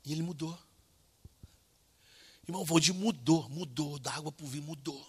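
A man's voice: on the high side, moderate pace, husky. A Brazilian man preaching, telling a personal story with emotion, repeating phrases and calling listeners brother, with a Brazilian accent. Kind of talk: sermon storytelling.

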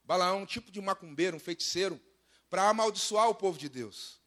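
A Brazilian man in his thirties preaching a lively sermon, mimicking complainers along the way. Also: sits high, fairly quick. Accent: Brazilian Portuguese. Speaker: pastor.

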